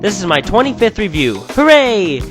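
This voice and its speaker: A man's voice: mid-range voice, expressive, fast talker, over music. A man reading out a scripted, enthusiastic video game review. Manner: upbeat, enthusiastic.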